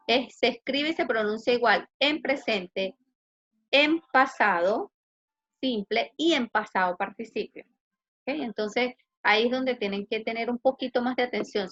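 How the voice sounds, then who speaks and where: Chilean woman teacher, patient online lesson, highish voice, muffled video-call audio. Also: a bit bright. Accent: Chilean Spanish. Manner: patient, explanatory, asks students questions. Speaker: English teacher.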